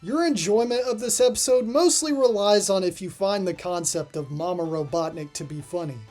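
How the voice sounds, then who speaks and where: The host of a video ranking cartoon episodes delivers casual, scripted review commentary as a voice-over, peppered with dry, offhand asides. The voice is medium-pitched and darkish, at a moderate pace, with faint music in the background of the voice-over recording.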